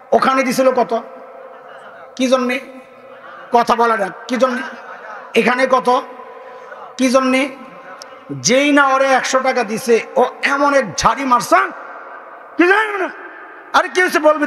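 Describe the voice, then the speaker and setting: A man's voice: extremely high pitch, a bit bright, big-room sound, a little hiss or hum. A man preaching a waz sermon, quizzing the crowd call-and-response style and acting out little scenes in different voices.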